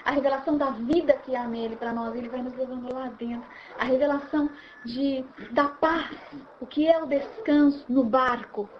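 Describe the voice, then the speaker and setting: A woman leading an informal Bible study, animated and acting out scenes as she explains. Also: high voice, normal speed, few pauses, lo-fi sound, a little hiss or hum. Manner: animated, acts out scenes, repeats words while restarting.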